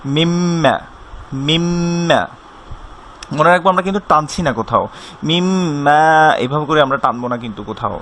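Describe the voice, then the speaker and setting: A man teaching a recitation lesson, patiently repeating syllables slowly so listeners can copy the sound. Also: on the high side, a bit bright, slight background noise. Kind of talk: online tajweed lesson.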